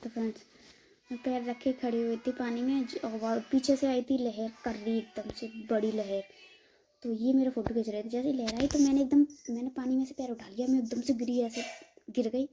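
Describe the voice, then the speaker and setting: A vlogger from northern India tells a rambling story to her viewers in a casual vlog, chatty and repeatedly calling them "friends." Her voice is a little high and mellow, with fairly even intonation, a moderate pace, and slight background noise.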